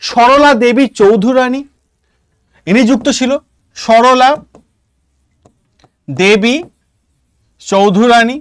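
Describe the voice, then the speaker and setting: Slow and smooth, with frequent pauses, this medium-pitched voice comes from a history teacher with an Indian Bengali accent giving an online exam-prep lesson. The explanations are emphatic, punctuated by short questions checking understanding. The sound is clean studio audio with no room sound.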